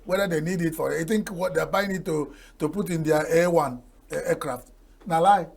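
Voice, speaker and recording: Speaking at normal speed in a slightly high, creaky, somewhat rough voice, an older Nigerian man with Igbo as his first language chats folksily on a TV talk show. He leans on proverbs and keeps chuckling at his own jokes.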